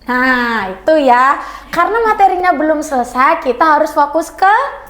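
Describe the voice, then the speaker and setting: A woman's voice: sits high, lively intonation, moderate pace, fairly bright tone. A young woman leading a communication training class, playful and teasing with her students. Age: young adult. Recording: echoey classroom.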